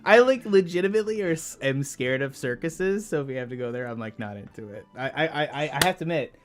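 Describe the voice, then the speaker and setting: Casual male gamer over clear background music. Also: medium pitch, lively intonation, fast. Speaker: player on a tabletop game podcast. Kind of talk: casual, sweary game chat.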